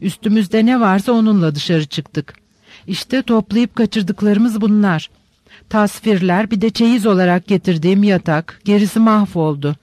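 A man's voice: sits high, a little mellow, no room sound. Man voicing a sobbing, pleading mother. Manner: sobbing, rapid pleading speech.

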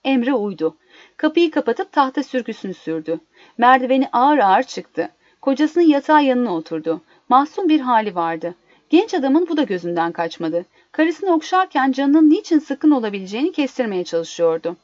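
A woman narrating a story in an expressive, dramatic reading, in a dull lo-fi recording. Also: high-pitched, moderate pace, no room sound. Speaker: reader.

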